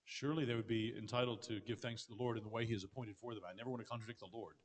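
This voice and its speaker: A man answering questions from the floor as pastor, earnest and fast, often restarting mid-sentence. His voice carries a long reverb from a large hall. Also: mid-range voice, steady tone. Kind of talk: conference Q&A answers.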